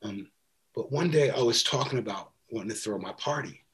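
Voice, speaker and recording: A man from New York, a guest musician, telling a story in casual chat with lively, repetitive phrasing and some swearing. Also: on the low side, a little fast. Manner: animated storyteller, repeats words, casual swearing.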